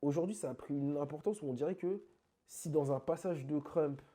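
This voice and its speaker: A man being interviewed about dance, talking in an animated, emphatic, slangy way. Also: fairly high pitch, fairly quick. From France. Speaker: interview guest, krump dancer. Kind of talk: casual conversational interview.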